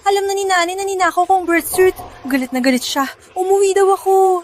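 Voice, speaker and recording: A woman's voice: very high-pitched, steady tone, brisk, slight background noise. A woman voicing an anxious young wife who pleads in a worried way. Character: anxious young wife afraid of her mother.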